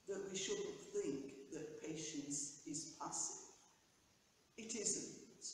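An older woman priest gives a measured reflection and prayers, seated in a small church pew. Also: on the low side, darkish tone, slight background noise. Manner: measured, careful delivery. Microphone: camera at a distance. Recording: echoey church from far off.

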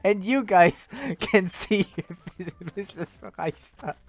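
A man's voice: sits high, expressive, slow. A young man giving casual gameplay commentary and bantering with other players, giggly and often repeating his words. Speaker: gamer streamer. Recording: music in the background.

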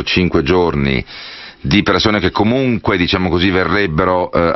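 Deep-voiced male radio host. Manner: long, winding questions with many asides. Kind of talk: radio interview. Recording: dull lo-fi radio broadcast.

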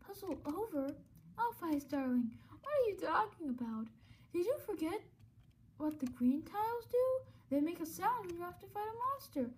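Woman doing a showy robot tv star, very high, theatrical, sing-song, faint typing behind. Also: very animated, normal speed, darkish tone, slight background noise. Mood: gloating.

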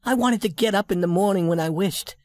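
A woman's voice: medium pitch, brisk, darkish tone, no room sound, close to an everyday voice. Madame Beaumont, a woman voicing a refined lady. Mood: candid. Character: young working woman posing as a rich lady. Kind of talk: storybook reading for English learners.

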